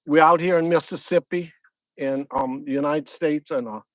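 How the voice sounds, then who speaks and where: A man's voice: fairly high pitch, fairly even intonation, normal speed, fairly bright tone, no room sound. A middle-aged man with a Louisiana accent hosts a casual fishing livestream outdoors at a lakeside camp, rambling, repeating himself and greeting viewers one by one. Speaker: fishing channel host.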